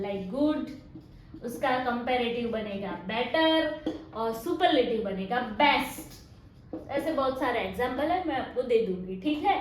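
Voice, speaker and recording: A woman with a Gujarati accent teaching English grammar, mixing Hindi and English, drawing out her example sentences and often checking "okay?". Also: high-pitched. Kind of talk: classroom-style grammar lesson. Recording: echoey room with faint noise.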